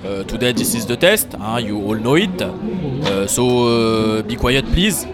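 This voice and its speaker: Man putting on a French English teacher, heavy French accent, slow, hesitant, music behind. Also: medium pitch, animated, voice pushed down. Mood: stern. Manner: slow, hesitant, full of ums.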